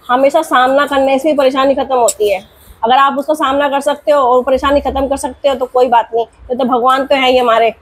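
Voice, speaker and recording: A young mother who vlogs tells a story from home in a chatty, rambling way, repeating herself as she goes and then drawing a moral. She has a high voice.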